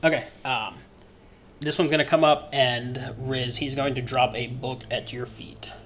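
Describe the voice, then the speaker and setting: A man running a tabletop game as game master, narrating in a loose, halting way. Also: mid-range voice, steady tone, a bit bright, lo-fi sound, slight background noise.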